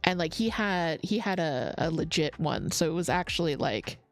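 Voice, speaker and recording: A woman's voice: deep voice, lively intonation, moderate pace, faint music behind. A woman hosting a crafting livestream, chatting casually, reading chat comments aloud and laughing often. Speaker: livestream host.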